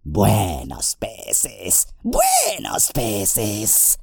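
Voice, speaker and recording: A wretched hissing creature for an audiobook: gravelly, slow, swooping pitch. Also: male voice, wildly swooping pitch, a little mellow, no room sound, studio quality, heavily acted. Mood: muttering, greedy. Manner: muttering to himself, wild swoops of pitch. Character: wretched old male creature, hissing, fawning, vicious. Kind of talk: audiobook character voice.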